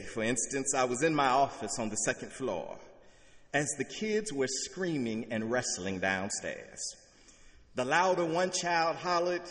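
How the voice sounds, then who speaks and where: A man's voice: mid-range voice, fairly bright tone, long reverb tail. A middle-aged man preaching a sermon, telling stories with vivid humor. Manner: storytelling, uses vivid humor. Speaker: pastor.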